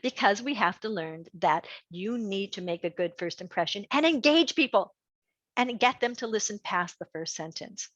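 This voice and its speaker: A middle-aged woman leads a fundraising workshop with an animated, lively delivery, swinging her pitch up and down to keep listeners engaged. Her voice sits mid-range for a woman. The recording is dry and a little dull. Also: moderate pace, no room sound. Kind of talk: online workshop presentation.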